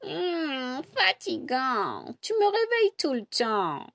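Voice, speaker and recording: A woman voicing a sleepy old female alley cat in a children's storybook, murmuring slowly and softly. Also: sits high, huge pitch swings, vocal fry, no echo, voice pushed up, heavily acted. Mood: drowsy. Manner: drowsy, slow and murmuring.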